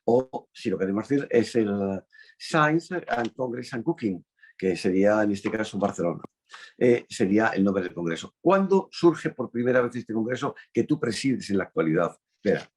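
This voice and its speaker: A man from Spain hosting an interview, speaking emphatically with drawn-out phrases and falling endings. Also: lowish voice, lively intonation, darkish tone, breathy edge. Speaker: host.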